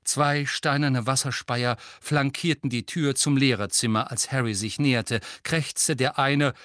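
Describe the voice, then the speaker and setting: A man narrating an audiobook in an expressive storytelling manner. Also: mid-range voice, unhurried, no room sound, studio quality. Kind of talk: scripted narration.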